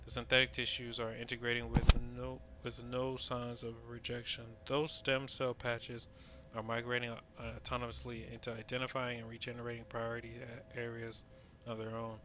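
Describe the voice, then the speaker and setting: An actor playing a weary, frank medical researcher in a video game, recording a log in a measured, clinical way with blunt exasperation. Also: male voice, medium pitch, monotone, noisy background, close to an everyday voice. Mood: guarded hope. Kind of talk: dramatic scripted log monologue.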